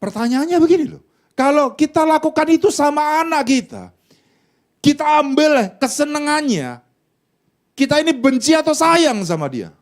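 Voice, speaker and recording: Man, middle-aged, Indonesian accent, pastor, sermon, high voice, lively, loud and quiet swings. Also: normal speed.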